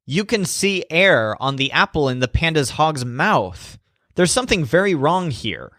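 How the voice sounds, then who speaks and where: A man doing an excitable raised-voice storybook guy. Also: a little slow, no room sound, clean studio sound, full character voice. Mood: alarmed. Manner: exclaiming, raised pitch. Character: excitable man cooking in a fantasy restaurant.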